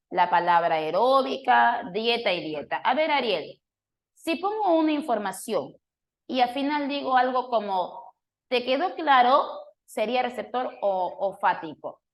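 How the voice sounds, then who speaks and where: A Peruvian language teacher leads a classroom review in a voice a little on the high side. She explains patiently, works through each point, and often pauses to ask a student a question by name.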